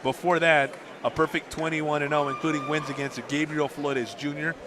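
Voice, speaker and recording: A man's voice: on the high side, flat delivery, normal speed, noisy background. A man giving live boxing commentary as he covers the fighters' entrances and statistics. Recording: loud crowd and music behind. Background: arena crowd and music.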